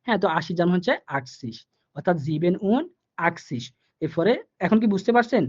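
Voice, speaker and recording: A man teaching German numbers in a live online class, explaining each step slowly, repeating himself and asking the students questions. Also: sits high, lively intonation, a little mellow. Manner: repetitive, patient, asks the students questions. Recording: dull lo-fi online class audio.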